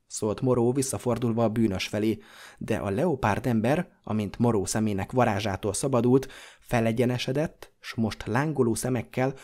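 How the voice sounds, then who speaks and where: A man reading a classic horror novel aloud as an audiobook narrator, in a measured, dramatic way. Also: medium pitch, a little mellow.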